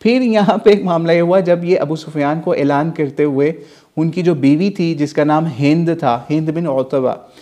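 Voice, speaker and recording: A Pakistani religious teacher with a rather high, dark-toned voice and a moderate pace gives a class on Islamic history. He recounts events like stories, asks questions and answers them himself, and slips in English words.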